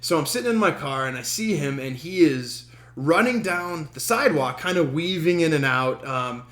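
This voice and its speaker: Rambling man with a bright voice. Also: on the high side, animated, reverberant. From Denver, USA. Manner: rambling, halting delivery full of ums; wry, self-amused humor. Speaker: podcast host. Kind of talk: casual storytelling monologue.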